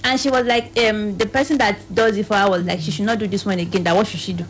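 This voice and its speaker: A woman's voice: mid-range voice, steady tone, quick pace, faint music behind, rough recording. A woman with a Nigerian accent speaking as a guest on a radio panel, explaining earnestly and often voicing other people's questions as she goes. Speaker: guest from a youth reproductive health organisation.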